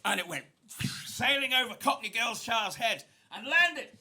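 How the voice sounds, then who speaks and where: A man doing stand-up on a comedy club stage, spinning absurd stories that swing from flat to explosive. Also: extremely high pitch, normal speed. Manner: absurd, deadpan-to-explosive storytelling. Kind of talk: stand-up routine. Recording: live club with audience laughter.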